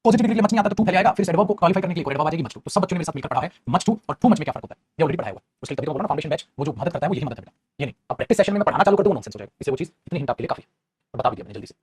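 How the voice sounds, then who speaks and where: A man teaching English grammar in a fast classroom style, repeating phrases and calling students "beta". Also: on the high side, expressive, a little mellow, slightly rough.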